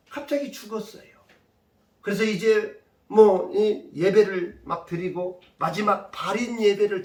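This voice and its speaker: A male pastor preaching emphatically, firing rhetorical questions at his congregation. His voice is very high and swings widely, and it rings through a roomy church from a distance. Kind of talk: sermon. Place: church sanctuary.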